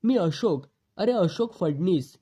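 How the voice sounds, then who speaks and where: A flashy, cheerful young man hails an old school friend in a loud, hearty voice, as a man puts him on. The tone stays dark and mellow. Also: high voice, animated, takes it slowly, husky, heavily acted.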